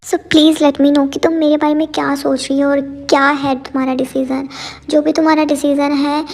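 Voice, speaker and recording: A woman's voice: high-pitched, little pitch movement, normal speed, darkish tone. A woman reading aloud the lines of an angry, desperate young man in love, in a demanding, insistent way. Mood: pleading.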